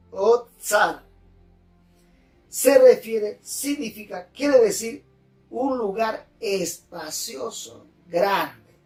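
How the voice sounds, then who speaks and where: Male pastor, earnest sermon teacher, slow and emphatic, roomy distant sound. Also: high-pitched. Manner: fervent, deliberate, repeats and spells out key words. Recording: roomy, distant mic, faint music.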